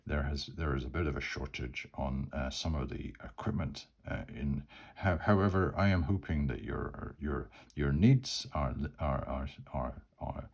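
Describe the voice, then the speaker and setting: A gruff, scarred one-legged old soldier turned smith, put on by a man with a slight Irish lilt. His voice sits very low and husky, and he speaks in a halting, apologetic way. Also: heavily acted.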